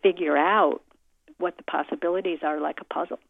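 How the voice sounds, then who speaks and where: In a reflective interview, a middle-aged American concert pianist speaks with deliberate, measured care and many pauses for thought. Her fairly low voice is steady and creaky, recorded dry, and the sound is muffled and narrow-band, like a telephone or radio.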